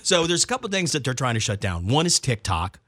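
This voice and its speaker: A man hosting a podcast in a joking, excitable casual chat. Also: medium pitch, fast talker, no echo. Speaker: podcast host.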